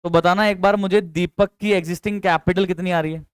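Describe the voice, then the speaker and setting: Young male teacher with a high, smooth voice. Chatty coaching tone that keeps drilling students with questions, recorded close and dry. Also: steady tone, fairly quick, no echo. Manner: chatty, coaxing, quizzes students with repeated questions; mixes English terms into speech. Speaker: accountancy teacher. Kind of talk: classroom lecture.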